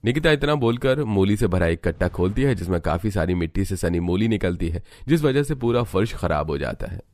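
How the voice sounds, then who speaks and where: A man with a very deep, low voice narrates a cartoon family story. His delivery is even and steady, in scripted storybook style. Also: fairly quick, dry recording, studio quality.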